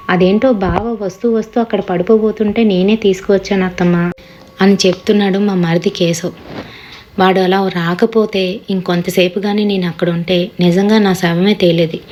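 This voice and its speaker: A woman's voice: medium pitch, mellow. A woman narrating a first-person horror story in a conversational retelling manner, acting out the family members she quotes.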